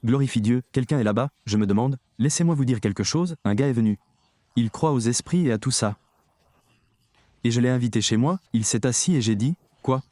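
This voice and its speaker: A man's voice: mid-range voice, brisk, dark tone, no echo. A man preaching a sermon, talking emphatically and straight to his audience. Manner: emphatic, addresses the audience directly.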